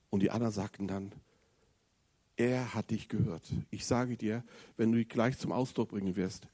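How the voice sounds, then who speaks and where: A man preaching a sermon, speaking straight to the congregation with questions and moving between loud emphatic passages and low, quiet stretches. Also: slightly rough. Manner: addresses the congregation directly with questions.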